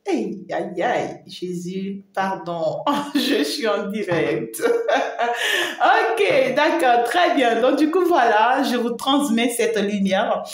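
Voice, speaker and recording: Woman medium, live spiritual talk, emphatic and repetitive, higher pitch, echoey room. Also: animated, slow pace. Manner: emphatic, repetitive, affectionate address to viewers. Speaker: spiritual medium and channel host. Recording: roomy echo.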